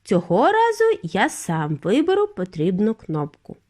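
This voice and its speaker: A woman's voice: medium pitch, huge pitch swings, measured pace, dark tone. Woman voicing exuberant Mr Wonka. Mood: gleeful. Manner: bouncy, exclamatory, urging. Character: eccentric excitable male factory owner, jubilant.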